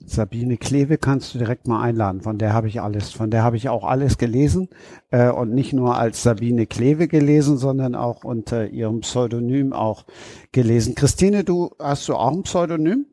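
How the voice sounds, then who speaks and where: A man's voice: medium pitch, moderate pace, warm tone, no room sound. A man hosting a casual interview, speaking into a close microphone. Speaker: podcast host.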